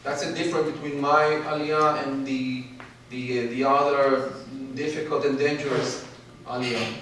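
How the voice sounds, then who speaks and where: A man's voice: mid-range voice, level tone, a bit bright, distant mic, a little hiss or hum. Man from ethiopia telling his story at a podium, stops a lot, big echoey hall. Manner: halting, many filler pauses. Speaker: guest speaker. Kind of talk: personal story speech. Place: large hall.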